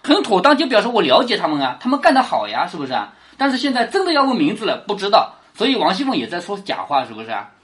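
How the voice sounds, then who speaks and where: An animated lecturer whose pitch swings widely as they walk a listener through the scenes of a classic novel. The voice sits at a middling height and keeps rephrasing each scene in plain, everyday words. After almost every point it drops low and soft to ask whether the listener follows. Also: fast talker, hardly any pauses. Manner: keeps asking rhetorical check questions, dropping low and soft on them. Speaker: teacher explaining a classic novel. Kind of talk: casual explanatory lecture.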